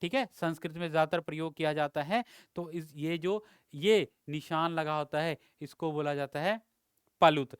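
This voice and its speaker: A man's voice: fairly high pitch, moderate pace, hardly any pauses, clear, resonant tone, no room sound, clean studio sound. A man teaching an exam-prep grammar lesson, explaining step by step, quizzing his students and drawing out vowel sounds to show them.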